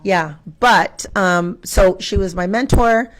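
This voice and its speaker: A schoolteacher speaks as an interview guest, answering questions in a reflective, expressive, conversational way. Her voice is medium-pitched and slow, and the recording is rough. She quotes her own thoughts and poses rhetorical questions.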